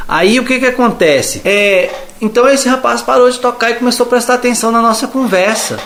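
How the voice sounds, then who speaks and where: A Brazilian-accented man with a notably high voice tells a religious testimony. He speaks casually and acts out both sides of the conversations he recounts. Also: a little fast, a bit bright. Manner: chatty retelling, acting out the dialogue. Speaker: evangelical believer giving testimony. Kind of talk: testimony storytelling.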